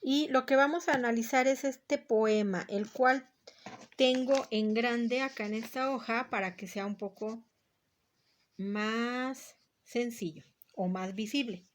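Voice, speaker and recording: Slow, patient Mexican woman teaching. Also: fairly high pitch. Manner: slow and patient, repeating and counting syllables aloud. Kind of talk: explaining a poetry worksheet.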